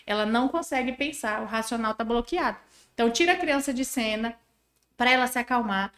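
Animated woman explaining with acted voices. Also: on the high side, brisk, echoey room. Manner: animated, acts out child and parent voices. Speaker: guest parenting expert. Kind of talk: explanatory podcast talk.

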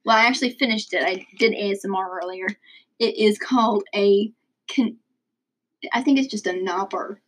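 A woman's voice: medium pitch, moderate pace. A young woman from Illinois co-hosting a podcast in casual chat, rambling and laughing often. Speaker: podcast co-host.

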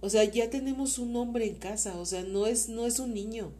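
Mexican mother, interview guest, warm mellow tone, earnest and rambling, full of faith. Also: a little high, fairly even intonation, normal speed. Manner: earnest, faith-filled, rambling with many fillers. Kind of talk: casual heartfelt conversation.

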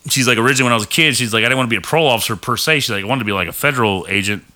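A man's voice: mid-range voice, rapid-fire, bright, forceful tone. A young man telling a long story in a casual chat, rambling and swearing often. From Texas. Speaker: podcast guest.

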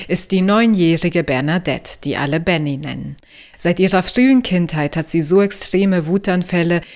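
A woman narrating prepared reviews as a podcast co-host. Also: fairly low pitch. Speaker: podcast co-host giving film tips.

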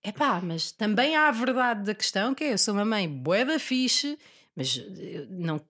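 A woman's voice: mid-range voice, sing-song, moderate pace, fairly bright tone. A young woman chatting candidly as an interview guest, blunt, slangy and self-deprecating. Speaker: podcast guest, stand-up comedian. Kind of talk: casual, candid interview chat.

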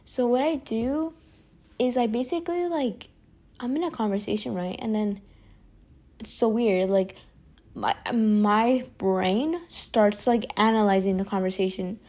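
A young woman talking casually to the camera, rambling with lots of "like", restarts and sighs, sometimes dropping quieter and slower. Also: a little high. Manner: rambling, heavy use of "like", frequent sighs and restarts; often drops to a quieter, slower voice. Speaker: vlogger. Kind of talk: casual confessional monologue to camera.

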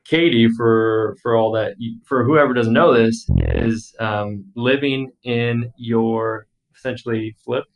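American male podcast host, medium pitch. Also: steady tone, takes it slowly, hardly any pauses, low-quality recording. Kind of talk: podcast hosting, intro and interview.

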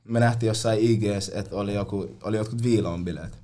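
A man's voice: lowish voice, fairly even intonation, dark tone. A young man telling party stories in casual chat, full of slang and swearing, often mimicking other people.

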